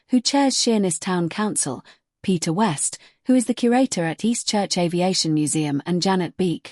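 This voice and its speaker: A woman's voice: lowish voice, darkish tone, no echo, clean studio sound. A woman reading scripted narration as a reporter.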